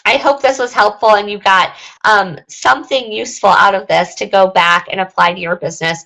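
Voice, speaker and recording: A woman's voice: medium pitch, vocal fry, fairly bright tone, poor audio. A young woman hosting a casual webinar, rambling with lots of ums and likes, and losing her voice. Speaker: webinar host.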